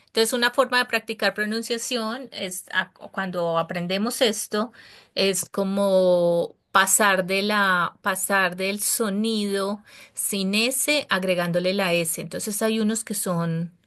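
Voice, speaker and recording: A Spanish-speaking woman with a medium-pitched, slightly bright voice teaches an English class over a video call. She is patient and encouraging, taking students through pronunciation step by step.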